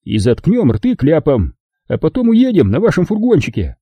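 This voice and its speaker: A man voicing a sarcastic American robber from Boston who explains things slowly and patiently. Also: fairly high pitch, wildly swooping pitch, slightly rough, no room sound, lo-fi sound, voice pushed up, full character voice. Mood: wry.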